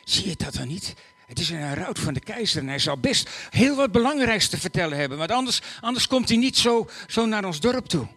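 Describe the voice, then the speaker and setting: A man's voice: sits high, big pitch swings, a little fast, few pauses, a bit bright, voice pushed up, heavily acted. A man voicing an eager young village boy who urges a friend to look. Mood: insistent. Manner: urgent and insistent.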